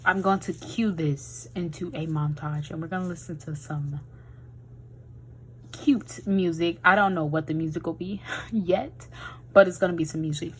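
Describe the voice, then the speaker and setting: A woman's voice: lowish voice, steady tone, moderate pace, a little hiss or hum, low-quality recording. A woman in her twenties chatting casually while swatching nail gels, with a tired voice and a rambling, chatty way of talking. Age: 20s. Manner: chatty, rambling, says "y'all". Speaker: beauty vlogger.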